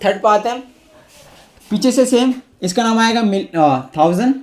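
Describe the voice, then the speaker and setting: A woman with a fairly high voice teaching maths in a classroom style. She explains step by step and keeps asking whether it is clear. Her voice sometimes drifts away from the mic as she writes. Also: animated, normal speed, a little mellow. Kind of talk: classroom-style math lesson.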